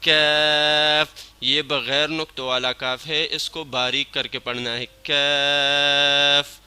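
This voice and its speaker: A man teaching the Arabic letters in a slow, patient lesson. He chants each letter long and loud, then explains how to say it more softly. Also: mid-range voice, fairly even intonation, clear, resonant tone, soft background music. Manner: patient, step-by-step instruction. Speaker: Quran recitation teacher.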